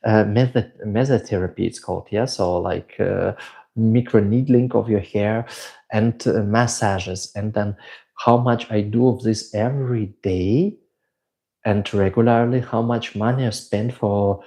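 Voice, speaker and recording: In this casual live Q&A, a middle-aged Swiss host with a German accent reads viewer questions and replies at length. His voice is on the low side, gravelly and mellow, with fairly even intonation and an unhurried pace.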